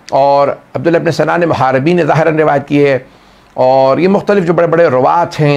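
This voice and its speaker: A man's voice: creaky, a little mellow. Wailing Pakistani Urdu preacher, man. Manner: rises to high wailing climaxes. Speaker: religious orator. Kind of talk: mourning sermon.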